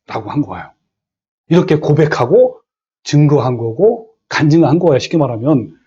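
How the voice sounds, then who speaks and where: A middle-aged male pastor delivers a sermon in a fairly high but mellow, dark-toned voice. He preaches with animation, acting out quoted speech and putting questions to his congregation. The recording sounds dull and lo-fi. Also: lively intonation, normal speed, breathy edge.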